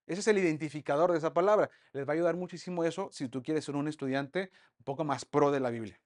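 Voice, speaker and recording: A man teaching an online Bible study lesson, lively and full of rhetorical questions to the group. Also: a little high, quick pace.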